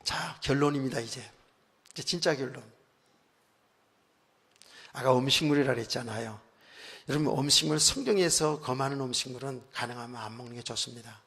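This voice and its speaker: A male pastor preaching a conversational sermon, telling stories with frequent asides, moving from quiet remarks to loud emphatic bursts. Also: mid-range voice, brisk, vocal fry, pauses often, breathy edge. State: recently worn out and hoarse. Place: church sanctuary. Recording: long church hall reverb.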